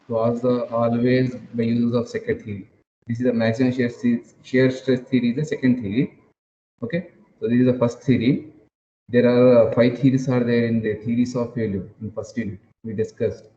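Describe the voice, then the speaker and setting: A man lecturing an online engineering class, captured as a screen recording, talking haltingly with repeated phrases and "uh" fillers. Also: medium pitch, level tone, warm tone. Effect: screen-recorded online class audio. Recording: dull lo-fi roomy sound with faint noise.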